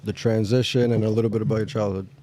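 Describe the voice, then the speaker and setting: A man's voice: fairly low pitch, little pitch movement, fast talker, dark tone, slight background noise. A man hosting a casual podcast, asking easygoing, curious questions. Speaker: podcast host. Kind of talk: casual interview.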